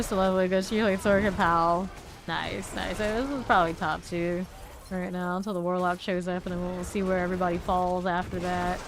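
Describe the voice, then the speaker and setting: Woman game streamer, mid-pitched, loose rambling chat with viewers, faint noise behind. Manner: chatty, rambling, talks to chat. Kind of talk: casual gameplay chat.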